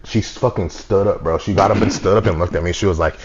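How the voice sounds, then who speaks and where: A young man and podcast co-host telling a story in casual chat, repeating himself and dropping low when he quotes people. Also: quick pace, lo-fi sound, noisy background. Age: young adult. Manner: animated, repetitive storyteller, drops into low voice for quotes.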